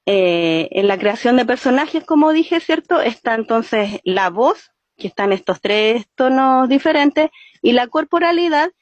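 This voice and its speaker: A woman's voice: fairly high pitch, dry recording. Patient woman teaching storytelling. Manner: patient, explains step by step with "¿cierto?" checks. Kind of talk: explanatory interview talk. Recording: muffled, dry sound.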